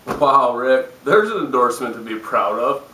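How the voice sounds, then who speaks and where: A man playing a hungover, sardonic news anchor in a parody newscast, with a deadpan, jaded delivery. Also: medium pitch, normal speed, heavy background noise, natural voice. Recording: roomy echo, distant microphone.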